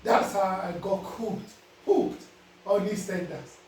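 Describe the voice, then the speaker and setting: This one is slow: a high-voiced man with a Nigerian accent, recorded from a distance in a very echoey room with slight background noise. He gives viewers casual, preachy life advice and keeps asking "you understand?"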